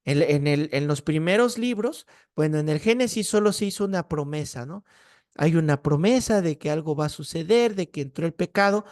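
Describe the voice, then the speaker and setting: Male Bible teacher, Mexican Spanish accent, animated classroom lecturer who keeps checking in with his students, raised pitch. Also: moderate pace, no room sound, clean studio sound. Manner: lively storyteller, rhetorical "¿no?" tags.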